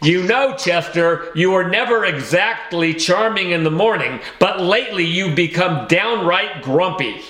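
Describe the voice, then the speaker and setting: A man's voice: high voice, lively intonation, measured pace, hardly any pauses, a bit bright, echoey room. A man reading the lines of a good-natured, naive male family dog in an audiobook, earnest and a little indignant.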